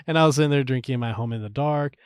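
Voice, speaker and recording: A man guest on a podcast, candidly telling his story with animated quoted asides, fillers and restarts, laughing as he goes. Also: medium pitch, racing, clean tone, no echo, clean studio sound.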